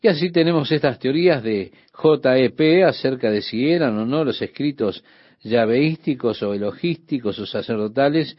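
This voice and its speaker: A man's voice: mid-range voice, normal speed, no echo, lo-fi sound. A man teaching a Bible study on the radio, explaining steadily and speaking directly to the listener.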